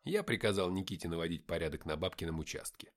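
A man reading a first-person adventure audiobook, with lively, dry-humored storytelling. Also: sits low, fast talker. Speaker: audiobook narrator.

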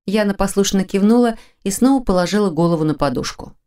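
A woman narrating a mystery audiobook in a measured, even storytelling manner. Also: medium pitch, smooth. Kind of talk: scripted narration.

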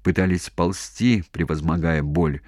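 A man narrating a war novel in a measured, even storytelling manner. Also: sits low, no echo, clean studio sound. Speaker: audiobook narrator.

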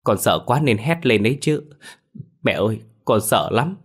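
A man's voice: mid-range voice, lively intonation, moderate pace, slightly rough. A man voicing a frightened little village boy who screams and pleads. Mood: pleading. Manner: panicked screaming.

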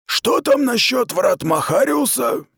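A man's voice: very high voice, very animated, takes it slowly, gravelly, a bit bright, breathy edge, no room sound, pitched above the performer's own voice, heavily acted. A man reading the part of a stern, dry middle-aged commander who talks down to a young woman in a storybook reading. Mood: cold. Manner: cold, clipped, patronizing.

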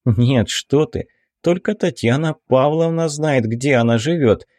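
A man's voice: medium pitch, unhurried, darkish tone, no room sound, clean studio sound, lightly acted. A man voicing a sly, snarling five-hundred-year-old demon woman in an audiobook, with a mocking, defiant delivery. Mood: bitter. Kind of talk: audiobook character voice.

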